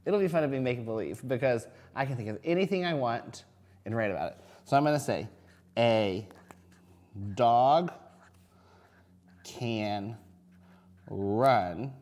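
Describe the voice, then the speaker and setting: A man's voice: medium pitch, lively intonation, fast talker, darkish tone. Male kindergarten teacher talking to young children. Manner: addresses young children directly, asking simple questions and answering them; sounds out words and letters. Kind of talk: reading lesson for young children.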